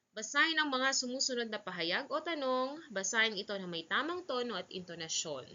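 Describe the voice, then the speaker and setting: A woman's voice: mid-range voice, sharp tone. A woman teaching young children on a televised lesson, patient and coaxing, asking many questions, in a dull lo-fi recording. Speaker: grade-1 teacher. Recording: dull lo-fi sound.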